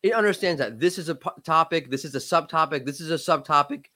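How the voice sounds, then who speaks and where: A podcast guest who specializes in SEO, this late-thirties man speaks in a pushed, bright voice on the high side, cracking from a cold. His delivery is fast and emphatic, full of self-restarts, in a casual expert chat.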